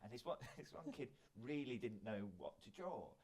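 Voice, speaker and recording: A comedy teacher telling a funny classroom story in a casual chat, animated and laughing loudly. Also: mid-range voice, moderate pace, husky. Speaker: podcast guest, comedy teacher.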